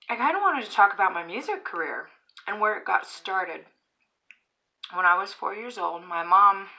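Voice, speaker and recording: A woman's voice: on the low side, creaky, pushed and bright, poor audio. A middle-aged woman casually telling stories while eating in her bedroom, chatty, with frequent chuckles and fillers. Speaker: mukbang vlogger.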